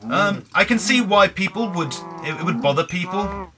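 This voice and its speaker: A young British man with a hoarse, croaky throat, chatting in a rambling way over a Minecraft let's play. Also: high voice, lively intonation, moderate pace, crowd noise. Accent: British English. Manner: rambling, chatty, frequent restarts. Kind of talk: casual gameplay commentary.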